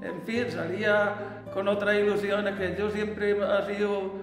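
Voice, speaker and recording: A man in his seventies speaks slowly in a flat, rather high voice, stopping and starting often. The room is very echoey with a long reverb, and soft guitar plays behind him. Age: 70s. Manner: halting, with many fillers. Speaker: interviewee, farmer. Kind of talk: reminiscing interview. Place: room at home.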